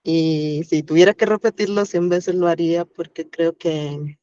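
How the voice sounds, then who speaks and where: A woman's voice: on the low side, steady tone, a little slow, mellow, no room sound, muffled recording. A woman with a Colombian Caribbean coast accent, sharing thoughts in a workshop, thoughtful and hesitant with fillers. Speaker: workshop participant.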